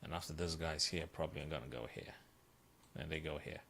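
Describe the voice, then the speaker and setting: Man, very low-pitched voice, chess coach, live puzzle stream, thinking aloud, excitable, repetitive. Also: quick pace, vocal fry. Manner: thinks aloud, excitable exclamations, repeats himself.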